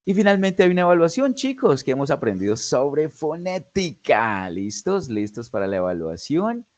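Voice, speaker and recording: A man's voice: a little high, sing-song, normal speed, darkish tone. A man tutoring pronunciation in a language lesson, guiding learners step by step with frequent check-ins and words spoken. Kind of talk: online lesson narration.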